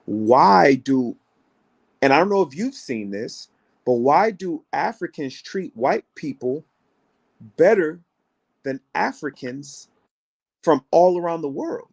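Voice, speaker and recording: This US man co-hosts a relaxed call-in travel show, speaking slowly with lively intonation in a highish, creaky voice that pauses often. He makes his case by stacking rhetorical questions and imitating how others talk.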